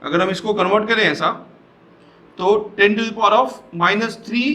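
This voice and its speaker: A man with a fairly high, slightly bright voice and a Hyderabadi Hindi accent is giving a physics lecture in class. He works through the material step by step, slips in English terms, and keeps asking the students questions.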